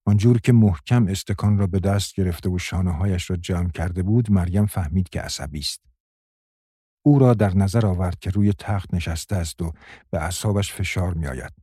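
A man reading a story aloud in a measured, calm narration. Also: deep voice, husky, no echo, studio quality. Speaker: audiobook narrator. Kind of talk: scripted narration.

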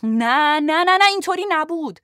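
A woman's voice: high-pitched, expressive, bright, forceful tone, no room sound, voice pushed up. A woman reads the part of a young male journalist, flustered and on the back foot. He stammers his denials and apologies in a plain, dry audiobook voice. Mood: defensive. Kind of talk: audiobook dialogue reading.

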